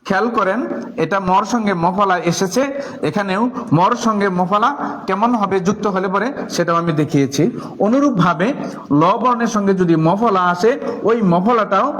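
A man from Bangladesh, teaching in a classroom with a board. He leads the class in call-and-response drills and slow chanted rhymes. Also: sits high. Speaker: madrasa teacher.

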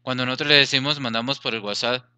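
A man's voice: medium pitch, steady tone, fast talker, pushed and bright, clean tone, dry recording. A man teaching a grammar lesson, explaining patiently, repeating points and checking that students follow.

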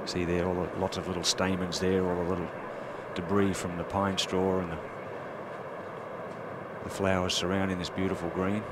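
Low-voiced male golf commentator, noisy outdoor broadcast. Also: level tone, moderate pace. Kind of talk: live golf television commentary. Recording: loud outdoor background noise.

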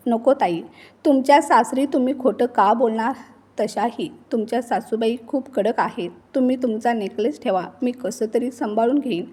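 A woman reading the lines of a gentle, patient young daughter-in-law in a story. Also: on the high side, normal speed, breathy edge. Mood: reassuring.

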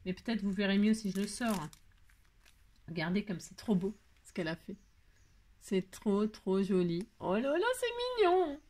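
A woman's voice: mid-range voice, fairly even intonation, normal speed, long pauses, mellow. A woman craft vlogger chatting casually as she opens her mail, gushing over each piece and cooing to her cat. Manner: effusive, gushing, repeats "trop joli"; coos to her cat in baby talk. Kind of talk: casual chat while opening mail.

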